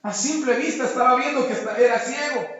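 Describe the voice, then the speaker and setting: A man's voice: very high voice, brisk, fairly bright tone, very echoey, highs cut off. A male preacher giving a dramatic sermon at a night vigil, acting out the story in voices.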